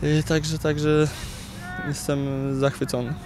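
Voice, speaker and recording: A young footballer in his twenties answering interview questions outdoors beside a pitch, halting with many repeated words. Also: flat delivery. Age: 20s. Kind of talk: post-training interview. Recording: faint outdoor noise.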